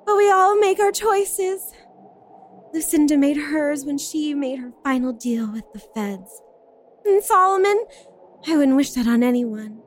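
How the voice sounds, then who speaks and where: A woman's voice: sits high, lively intonation, a little slow, slight background noise. A woman voicing a melodramatic young heroine who narrates with overwrought, brooding flair. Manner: dramatic, overwrought, brooding monologue. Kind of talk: audio drama acting.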